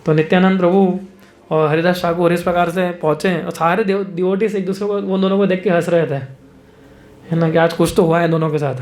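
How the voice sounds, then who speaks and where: Brief: a high-pitched male preacher narrating a sacred tale, verse recitations and frequent laughter. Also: fairly even intonation, brisk, a little mellow. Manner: chants verses, laughs often, rhetorical asides. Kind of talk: devotional storytelling sermon.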